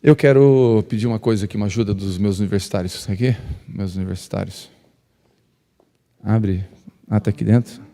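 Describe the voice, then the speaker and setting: A male pastor, telling stories to couples. He speaks loudly by nature, acts out dialogue and jokes with the crowd. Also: on the low side, steady tone, a little fast, pauses often. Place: church hall. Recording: long reverb of a church hall.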